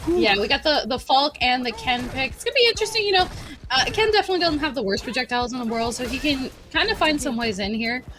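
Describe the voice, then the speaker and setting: A woman's voice: high voice, animated, fast talker. A woman giving upbeat, analytical color commentary on a live fighting game match. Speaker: esports commentator.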